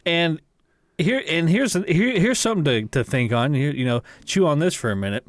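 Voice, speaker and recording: Profane joking man, lively pitch. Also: normal speed, no echo, studio quality. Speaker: podcast co-host. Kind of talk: casual chat.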